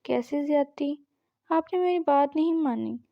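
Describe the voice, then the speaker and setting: A woman's voice: sits high, gravelly, no room sound, highs cut off. Nazmeen, a childlike stubborn young wife, read by a woman. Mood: petulant. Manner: pleading, petulant and teasing.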